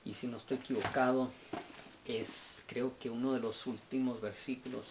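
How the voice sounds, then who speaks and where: A man's voice: medium pitch, level tone, normal speed. A man giving an unscripted Bible study lesson, often stopping and repeating words as he searches his notes. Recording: dull lo-fi sound with faint hiss.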